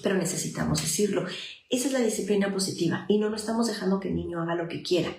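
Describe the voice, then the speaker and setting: A woman's voice: mid-range voice, rapid-fire, creaky, darkish tone, echoey room, a little hiss or hum. Earnest Mexican woman psychologist. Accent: Mexican Spanish. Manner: earnest, speaks directly to parents, many fillers. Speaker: psychologist giving parenting advice. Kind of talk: informal advice talk to parents.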